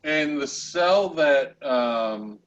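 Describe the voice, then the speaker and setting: Slow, halting man running a tabletop game. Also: a little high, lively intonation, fairly bright tone, highs cut off. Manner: halting, with long pauses mid-sentence. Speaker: game master of a tabletop roleplaying game. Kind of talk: improvised tabletop game narration.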